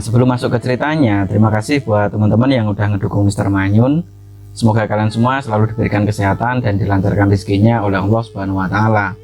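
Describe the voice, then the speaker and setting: Give me a low-voiced man with a soft, dark tone telling a spooky story in a relaxed, rambling way. He sounds like a host chatting with regular viewers, not like someone reading a script. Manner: chatty, loose, frequent fillers and asides. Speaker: horror story channel host. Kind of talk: casual storytelling narration.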